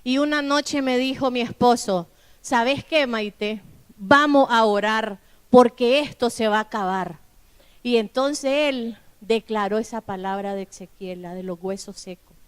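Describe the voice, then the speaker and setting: A woman pastor tells her testimony from the pulpit, acting out the voices of her family. Her voice sits high and sounds clear and smooth. She is middle-aged and speaks in a lively storytelling manner. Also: unhurried. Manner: storytelling with acted-out dialogue. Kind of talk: sermon testimony.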